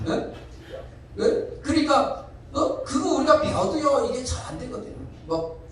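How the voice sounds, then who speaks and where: A man's voice: sits high, a bit bright, a little hiss or hum. A male pastor preaching a sermon, emphatic and often asking the congregation questions. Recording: echoey hall from far off.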